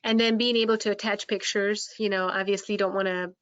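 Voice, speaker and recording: A care home operator and software founder answering panel questions on a video call with a shaky internet connection. She talks hesitantly, with many restarts. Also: medium pitch, flat delivery, quick pace, clear, resonant tone, dry recording. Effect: video call audio with a shaky internet connection. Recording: slightly muffled, dry video call audio.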